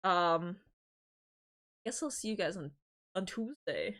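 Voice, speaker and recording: A woman's voice: on the low side, animated, slow pace, fairly bright tone. A woman hosting a livestream, chatting casually with viewers in a giggly, rambling way, often restarting her sentences. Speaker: livestream host.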